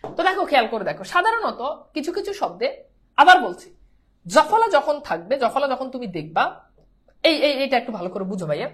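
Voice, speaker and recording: A woman's voice: high voice, sing-song, fast talker, fairly bright tone. A woman teaching a pronunciation lesson, repeating herself and coaxing students to say whether they understand. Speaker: Bangla teacher.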